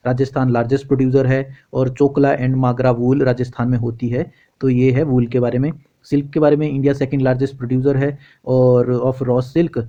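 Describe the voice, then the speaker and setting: A man tutoring for a civil service exam, explaining answers in a relaxed way that thinks aloud and restarts words. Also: mid-range voice, muffled recording.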